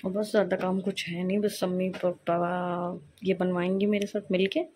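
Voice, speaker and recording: A young woman chatting quietly in a home kitchen during a cooking vlog, a little congested from a cold and often losing her words. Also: on the low side, level tone, normal speed, slight background noise. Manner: soft-spoken, talking quietly while others sleep; chatty, forgetful, mixes in English phrases. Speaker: vlogger. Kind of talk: casual cooking vlog chat.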